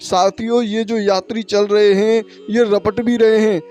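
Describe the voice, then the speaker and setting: A high-pitched man speaks urgently to his viewers as friends while filming a devotional pilgrimage vlog outdoors. He talks into a camera mic from a motorbike on a muddy road in the rain, with faint music underneath. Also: little pitch movement, unhurried, darkish tone. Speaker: pilgrimage vlogger. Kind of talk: devotional travel vlog narration.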